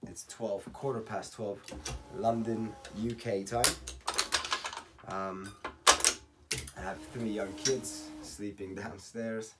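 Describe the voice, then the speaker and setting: A man in his thirties, slightly hoarse from losing his voice, calmly talking through a how-to tutorial step by step and counting aloud. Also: on the low side, slow, very noisy. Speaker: racket stringing instructor. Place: home workshop at night. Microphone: camera on a tripod.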